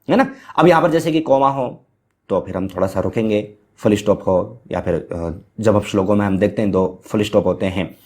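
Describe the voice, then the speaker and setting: With a fairly low, darkish voice, a male teacher works through a Hindi grammar lecture step by step. He often uses filler sounds, asks rhetorical questions that he then answers, and chants Sanskrit verse at shifting speeds.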